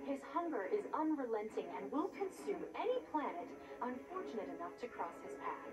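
A woman's voice: fairly high pitch, very animated, brisk, poor audio. A woman voicing a businesslike agent in a video game, giving a dramatic briefing with dry asides, played from a TV. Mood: dramatic, wry. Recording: game audio played from TV speakers. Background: loud game music.

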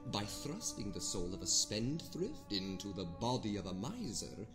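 A fairly low male voice, very animated and at normal speed, portrays a learned old scholar with an ancient scroll. The delivery is an earnest, archaic, grandly lecturing style. Music plays beneath this audio drama, and the space sounds roomy and reverberant.

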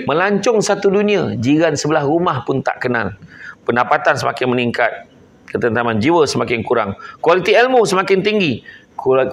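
A man's voice: mid-range voice, slight background noise. A male preacher with a Malaysian Malay accent gives a humorous religious talk and teases his live audience. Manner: joking and teasing with the crowd, switching between I and aku.

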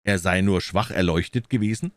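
A man reading a low, measured detective. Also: no echo, studio quality, lightly acted. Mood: calm, probing. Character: shrewd calm male detective, middle-aged. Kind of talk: audiobook reading.

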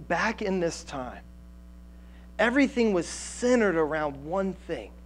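A man in his thirties preaching a sermon on a church stage through a headset mic, animated, with frequent restarts and fillers. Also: high-pitched. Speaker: pastor. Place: church stage with band gear, indoors.

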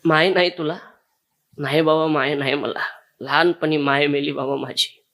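A man's voice: fairly high pitch, steady tone, normal speed, a bit bright. A man, preaching a kirtan sermon and telling a moving story straight to his listeners. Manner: emotional storytelling, addresses audience directly.

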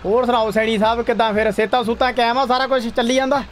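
A young man casually commentating a game with a friend, excitable, repeating short exclamations. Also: extremely high pitch, rapid-fire, a crowd in the background. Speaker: gaming streamer. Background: tractor game sounds.

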